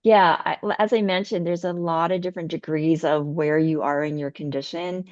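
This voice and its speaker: A woman herbalist answering questions after her conference talk, earnest and full of ums, her voice going hoarse. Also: low voice, steady tone, normal speed, dry recording, highs cut off. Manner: warm, earnest, hesitant with many ums. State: losing her voice. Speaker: TCM herbalist presenter.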